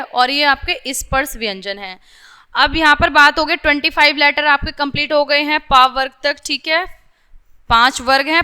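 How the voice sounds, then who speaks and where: A young woman teacher explaining lessons to small children, slowly sounding out letters and checking again and again that they follow, with English words mixed into her Hindi. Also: high voice, bright, forceful tone.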